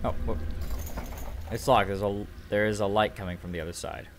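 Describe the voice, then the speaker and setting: A man's voice: fairly low pitch, steady tone, fairly quick, slight background noise. A man streaming a horror game, swearing freely, reacting in disbelief and reading in-game text aloud. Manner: profane, incredulous reactions. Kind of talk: let's play commentary.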